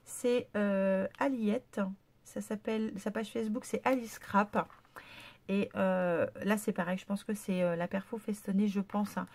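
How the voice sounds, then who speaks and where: Woman vlogger with a cold-stuffed nose and a creaky, gravelly tone, chatty and full of praise. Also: mid-range voice, fairly even intonation, a little slow, a little mellow. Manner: gushing, chatty, lots of fillers. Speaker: scrapbooking vlogger. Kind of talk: casual unboxing chat.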